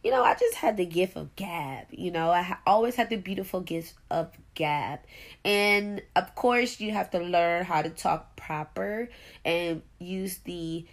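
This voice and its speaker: A woman in her thirties talks through her first solo podcast in a loose, rambling way. Her voice sits low for a woman, with a gravelly fry, and it sounds stuffy and nasal from congestion. She laughs easily and keeps talking. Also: animated, measured pace. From Buffalo, New York. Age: 30s. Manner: chatty, rambling, laughs often. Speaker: podcast host. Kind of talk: casual solo podcast monologue.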